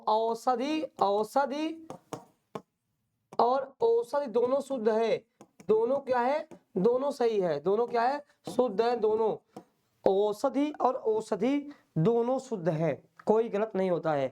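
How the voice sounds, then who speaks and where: A man's voice: very high-pitched, darkish tone. A male teacher giving an online exam-prep lecture, patiently explaining and drilling by repeating questions and answers.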